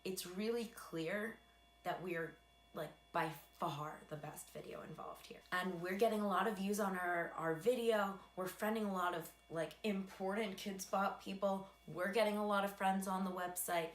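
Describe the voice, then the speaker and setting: A woman's voice: mid-range voice, steady tone, normal speed. Chatty young American woman, echoey room. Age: young adult. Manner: chatty, self-deprecating, dry asides. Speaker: video creator telling a personal story. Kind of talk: casual storytime monologue. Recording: echoey room with faint background hum.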